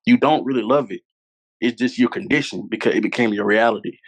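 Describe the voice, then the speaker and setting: This man speaks fairly quickly at a medium pitch. A podcast guest from Louisiana, US, in his 20s, he tells candid stories in conversation, earnestly repeating his points for emphasis.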